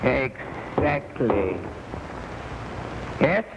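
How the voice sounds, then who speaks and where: An actor playing a scheming, courtly male villain boss, speaking in a formal, slow and deliberate way, heard on a noisy, dull 1950s TV broadcast recording. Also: mid-range voice, very animated, creaky, full character voice. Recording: hissy, muffled old TV soundtrack.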